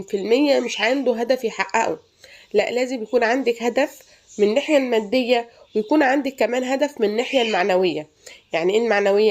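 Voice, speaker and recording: A woman's voice: fairly high pitch, darkish tone, slight background noise. A young woman with an Egyptian Arabic accent talking casually to viewers about saving money at home, chatty and earnest, repeating herself for emphasis. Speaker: household budgeting vlogger. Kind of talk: casual advice talk to viewers.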